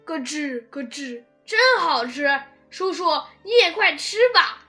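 A woman's voice: sits high, lively intonation, measured pace, bright, forceful tone, soft background music, pitched above the performer's own voice, heavily acted. A woman voicing a timid, tearful baby spinosaurus boy in a picture-book read-aloud, childlike and pleading. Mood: happy, grateful.

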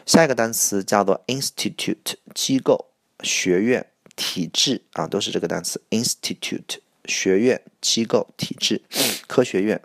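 A man teaching English vocabulary for an exam, repeating each word slowly and explaining it in Chinese. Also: lowish voice, vocal fry, fairly bright tone, no room sound. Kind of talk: IELTS vocabulary lesson.

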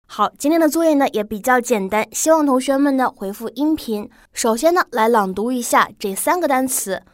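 Higher-pitched woman teacher, drawing out example words real slow, dry close sound. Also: animated, dry recording. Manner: slow, drawn-out model pronunciations. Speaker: English teacher. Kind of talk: pronunciation lesson.

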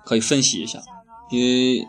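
A man's voice: medium pitch, fairly even intonation, moderate pace. A young man hosting a casual comedic chat, ranting with heavy profanity and frequent laughs. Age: young adult. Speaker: host.

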